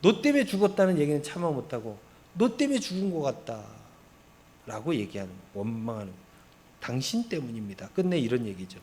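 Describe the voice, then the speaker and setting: A man's voice: fairly high pitch, fairly quick, slight background noise. A male pastor preaching a sermon, retelling scripture with rhetorical questions. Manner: expressive storytelling with rhetorical questions.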